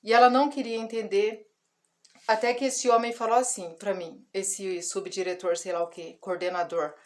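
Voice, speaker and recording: A woman's voice: mid-range voice, flat delivery, moderate pace, darkish tone. Woman in her forties telling a story. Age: 40s. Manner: emotional storytelling with quoted dialogue. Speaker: ministry vlogger. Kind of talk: personal testimony.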